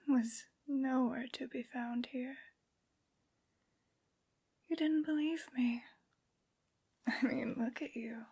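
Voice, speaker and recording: A woman voicing a haughty, menacing aristocratic vampire lady in a breathy, whispered ASMR roleplay, with slow, condescending phrasing. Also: sits high, darkish tone, full character voice. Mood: scornful. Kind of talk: soft-spoken ASMR villain roleplay.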